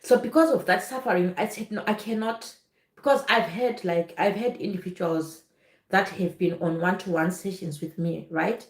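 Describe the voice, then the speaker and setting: A woman's voice: fairly low pitch, moderate pace. A woman speaking earnestly to her viewers as a nurse vlogger, often checking in with "you understand?". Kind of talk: personal testimony to viewers. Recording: echoey room.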